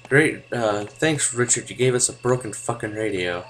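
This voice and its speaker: A man's voice: mid-range voice, moderate pace, a bit bright, a little hiss or hum, rough recording. A young man giving casual gameplay commentary, sarcastic and joking, with the odd swear word. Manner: sarcastic, swearing, jokey asides. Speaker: let's play gamer.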